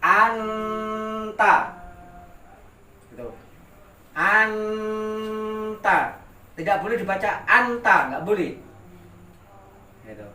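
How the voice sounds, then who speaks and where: A man's voice: high voice, big pitch swings, moderate pace, long pauses, sharp tone. A man with an Indonesian accent teaching Quran recitation rules to adult pupils, drawing out syllables and repeating words for them to copy. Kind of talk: informal tajwid lesson. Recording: echoey room, distant mic, faint ambient noise.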